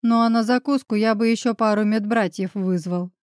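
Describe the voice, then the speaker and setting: A woman's voice: medium pitch, fairly even intonation, moderate pace, darkish tone, no echo, studio quality, close to an everyday voice. Woman reading a sarcastic mocking young man.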